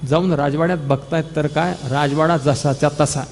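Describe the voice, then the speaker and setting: A man with a Marathi accent giving a devotional discourse, telling a parable and acting out the characters' lines in animated quoted dialogue. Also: fairly high pitch, normal speed, long reverb tail, a little hiss or hum. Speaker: scripture discourse speaker.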